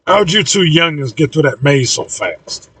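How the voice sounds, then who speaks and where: Man reading a folksy old-timer, drawl, husky. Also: fairly high pitch, very animated, moderate pace, a bit bright, no room sound, heavily acted. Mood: puzzled. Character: folksy old male mentor, half-blind. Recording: voice a bit far from mic.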